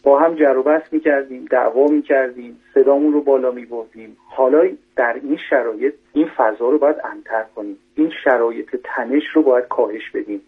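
Male doctor phoning in to radio, husky tone, tinny phone sound, methodical, lists numbered points. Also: mid-range voice. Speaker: doctor giving parenting advice. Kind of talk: radio call-in advice. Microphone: telephone.

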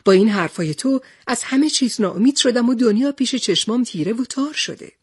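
Brief: discouraged man, shaky voice, read by a woman, husky. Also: a little high, lively intonation, dry recording, studio quality. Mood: gloomy. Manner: shaky, gloomy. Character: worried adult male hero, easily discouraged.

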